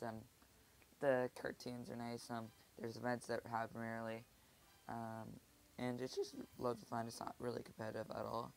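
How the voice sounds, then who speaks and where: A man who is sick, speaking softly and rambling hesitantly in a casual app review vlog. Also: medium pitch, gravelly, slight background noise, rough recording. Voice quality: soft-spoken, subdued. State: sick, keeping voice quiet.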